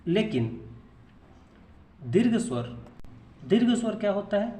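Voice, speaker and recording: Male teacher, slightly high voice, patient step-by-step explainer, echoey room. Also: very animated, unhurried, warm tone. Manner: explains patiently, repeats terms and asks rhetorical questions. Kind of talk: Hindi grammar lesson.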